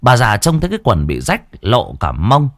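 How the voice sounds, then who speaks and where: A man, narrating a ghost story in a lively, colorful way. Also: mid-range voice, moderate pace, no room sound, studio quality.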